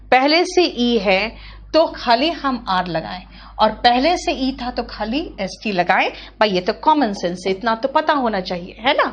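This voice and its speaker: A woman teaching English grammar in a live online class, correcting students briskly and calling them by name. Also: high voice. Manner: brisk, scolding, addresses students as beta.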